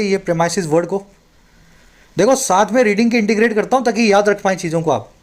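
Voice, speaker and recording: A man tutoring by explaining a newspaper editorial in Hindi, reading the phrases slowly. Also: sits high. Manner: explains in Hindi, reads English lines slowly. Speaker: English tutor. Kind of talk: bilingual newspaper reading lesson.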